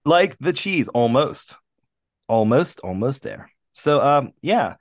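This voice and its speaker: A man's voice: mid-range voice, lively intonation, takes it slowly, dry recording, clean studio sound. A man co-hosting a podcast, chatting casually in a rambling, self-deprecating way, often laughing. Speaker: podcast co-host. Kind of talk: casual chat.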